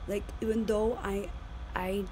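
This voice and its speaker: A woman teacher in her thirties lectures her class over a video call from a room at home, her big, mid-range voice unhurried yet animated. She often repeats and restarts phrases, and the webcam audio is noisy.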